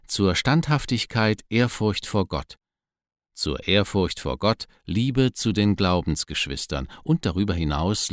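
A man giving a measured, solemn scripted devotional reading. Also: low-pitched, no echo, clean studio sound.

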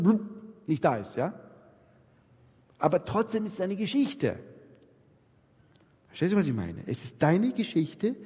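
Here a man with a higher voice but a dark tone and a breathy edge guides an interactive church workshop. He coaches the room with emphasis, repeats himself, and keeps asking whether everyone is following. He's captured on a live-recording mic, with the hall's long reverb trailing behind.

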